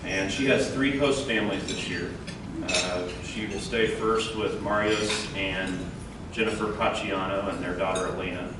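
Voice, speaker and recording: Low-voiced man introducing guests, very echoey. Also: fairly even intonation. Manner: halting, with many fillers. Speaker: youth exchange officer. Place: large meeting hall during a lunch. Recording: echoey hall, distant mic, crowd noise.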